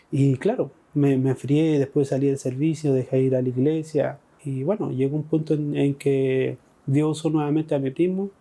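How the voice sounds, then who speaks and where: A man's voice: a little high, warm tone. A middle-aged man with a Chilean Spanish accent, telling his personal faith testimony with emotional, repeating phrases. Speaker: testimony speaker.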